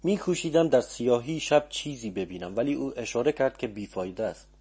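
A man narrating an audiobook in a calm, measured storytelling manner. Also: mid-range voice, breathy edge.

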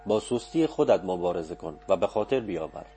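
A man voicing a cryptic, insistent old male teacher in an audiobook, speaking in a low, measured, probing way. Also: big pitch swings, mellow, breathy edge, full character voice. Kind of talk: audiobook dialogue. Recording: faint background music.

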